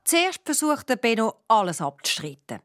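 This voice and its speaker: A woman with a Swiss German accent narrating a children's story in a lively way, acting out the characters. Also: on the high side, normal speed, over loud music.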